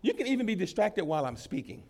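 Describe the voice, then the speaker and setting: A man preaching a sermon to his congregation as pastor while he has a cold. He swings between loud emphasis and quiet asides and laughs easily. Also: sits high, sing-song, fast, creaky. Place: church in front of a congregation.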